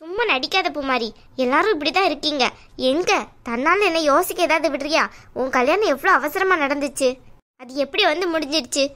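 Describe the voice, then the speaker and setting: Woman as a stubborn young cartoon woman, high bright voice, blunt, argumentative. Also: a little fast. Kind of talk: cartoon dialogue.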